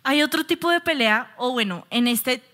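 A woman preaching alongside a co-pastor, candid and expressive, sharing personal stories. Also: sits high, moderate pace. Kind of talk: sermon with candid personal examples.

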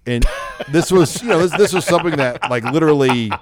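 A man's voice: a little high, fairly quick. A man hosting a sports podcast, chatting casually with laughs along the way. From Nebraska. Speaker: podcast host.

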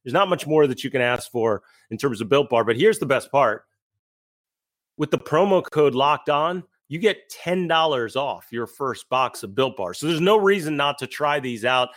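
A man's voice: medium pitch, expressive, normal speed, a bit bright. A man in his thirties, co-hosting a sports podcast, talking casually with frequent stammered restarts and the odd joke, and reading an ad. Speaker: podcast co-host. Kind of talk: casual sports talk with host-read ad.

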